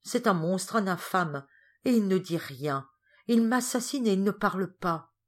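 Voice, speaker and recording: A woman's voice: medium pitch, lively intonation, unhurried, pitched above the performer's own voice. A woman voicing a frail, tearful young girl who speaks in a pleading, breathless way in a storybook reading. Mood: anguished.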